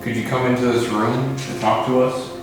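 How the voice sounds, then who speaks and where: A man asks spirits questions as a ghost hunter. His mid-pitched voice echoes strongly in a jail, with clear music behind it. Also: flat delivery, moderate pace. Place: inside a historic jail.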